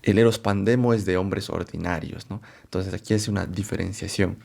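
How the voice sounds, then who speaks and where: A man presenting a philosophy lecture, unhurried and thinking aloud, often checking in with rhetorical questions and correcting himself as he goes. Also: low-pitched, steady tone, vocal fry, darkish tone. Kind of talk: explanatory lecture to camera.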